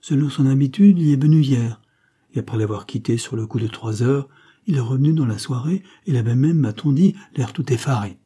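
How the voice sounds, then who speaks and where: A man's voice: medium pitch, brisk, dark tone, breathy edge, lightly acted. A man reading the lines of a deferential male servant who spies for his mistress, in a storybook reading.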